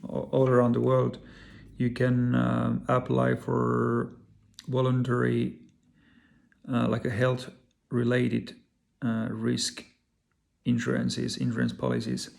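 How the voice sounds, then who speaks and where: A Finnish vlogger speaks straight to his viewers in English, his second language, in a deeply gravelly, crackling voice at mid pitch. He sounds earnest and halting, often stopping on fillers and repeating words, though his tone stays steady and a little mellow.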